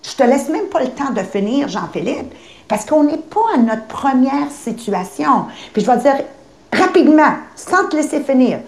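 A forthright woman, her voice sitting a little high as she drives her points home. She drops English phrases into casual podcast talk. The room around her gives the sound a noticeable echo. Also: expressive, moderate pace, vocal fry, darkish tone. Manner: emphatic, blunt, mixes in English phrases. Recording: roomy echo.

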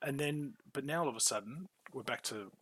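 A man's voice: mid-range voice, brisk, fairly bright tone, husky, dry recording. A man co-hosting a casual recap chat, swearing freely and laughing often. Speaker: podcast co-host, show newcomer.

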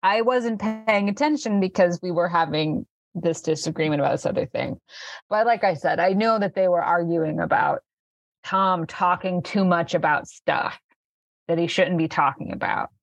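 A man's voice: sits high, moderate pace, creaky, no room sound. Woman playing Patrick, a rambling stoner guy. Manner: rambling, full of fillers. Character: laid-back male stoner Patrick, rambling. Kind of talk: tabletop role-play character voice.

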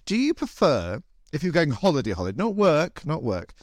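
A man's voice: a little high, wildly swooping pitch, fairly quick, dry recording, studio quality. A man hosting a casual chat in a camp, wry, rambling and self-deprecating way. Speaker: host. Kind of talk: casual, chatty podcast conversation.

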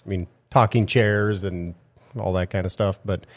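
A man's voice: sits low, steady tone, moderate pace. A man co-hosting a casual movie chat in a studio, rambling with lots of fillers. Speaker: podcast co-host.

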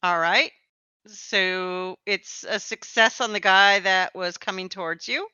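A woman's voice: mid-range voice, slow, sharp tone, clean tone, no echo, highs cut off. A woman speaking as game master, casually narrating a tabletop game.

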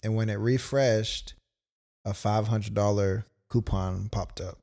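A man's voice: on the low side, steady tone, slow, vocal fry, warm tone. A young man casually telling a personal story as a podcast co-host, loose and full of quoted asides. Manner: laid-back, storytelling with many "like"s and quoted asides.

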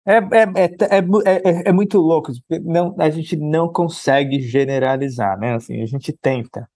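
A man with a Brazilian accent, a Jungian analyst co-hosting a podcast, talking casually with relaxed fillers and laughs. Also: on the high side, moderate pace, no echo, clean studio sound. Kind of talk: casual chat.

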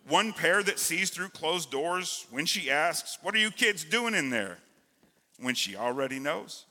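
A man's voice: fairly high pitch, animated, unhurried, pushed and bright, pitched above the performer's own voice, full character voice. A man voicing God as a tireless male creator in an earnest storybook reading, heard in an echoey church hall. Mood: fond. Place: church sanctuary.

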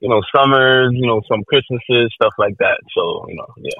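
A man's voice: medium pitch, moderate pace, dry recording. A man raised in Jamaica, chatting casually as an interview guest, laid back and full of fillers, calling from a phone outdoors. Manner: laid-back, filler-heavy, trails off quietly. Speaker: guest singer. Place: outdoors at a street event. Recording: tinny phone line.

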